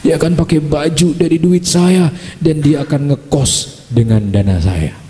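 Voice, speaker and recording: A man voicing an earnest young suitor who formally asks a father for his daughter, in a solemn, measured way. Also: on the high side, dark tone, long reverb tail, natural voice.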